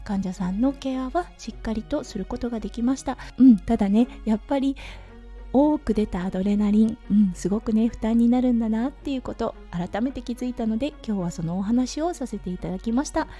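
A hoarse woman hosts a casual audio diary over clear background music. Her voice is husky and slightly raspy, fairly high yet very soft and dark in tone. She tells things in a chatty, gentle way. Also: fairly quick. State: hoarse from overuse, sore throat. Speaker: podcast host, anaesthetic nurse.

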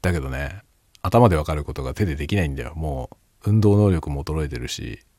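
A middle-aged man chatting alone in a quiet, hushed late-night voice, reflective and self-deprecating. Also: very deep voice, expressive, quick pace, dry recording, clean studio sound. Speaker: YouTube host. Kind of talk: casual late-night solo chat.

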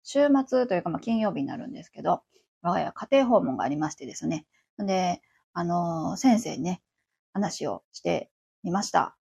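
A woman's voice: on the low side, expressive, moderate pace, gravelly, mellow, husky. A woman around forty with a Kansai accent, chatting on her own as host of a livestream radio show, rambling along with many fillers. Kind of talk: casual solo chat.

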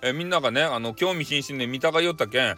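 A man's voice: medium pitch, very fast, pushed and bright, faint music behind. A man with a Hakata accent casually retelling a folk tale for bedtime, playful and rambling. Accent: Hakata dialect. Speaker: storyteller.

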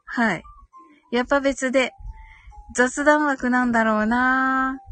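Hosting a casual live audio stream, a woman giggles and chats, reading out comments and murmuring agreement. Her voice is high-pitched and a bit bright with a steady tone, and she speaks slowly; the recording is dry, with soft background music.

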